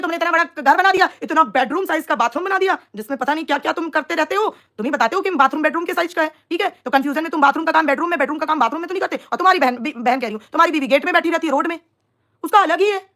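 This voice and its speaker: A woman's voice: extremely high pitch, racing, bright, forceful tone. A young woman chatting on a live stream, teasing and mocking rivals while talking to her viewers. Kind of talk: casual live stream chat.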